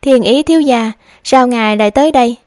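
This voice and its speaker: A woman's voice: on the high side, a little fast, a little mellow, no room sound, clean studio sound, close to an everyday voice. A woman voicing a timid, dutiful young maidservant who speaks in a flustered, polite way.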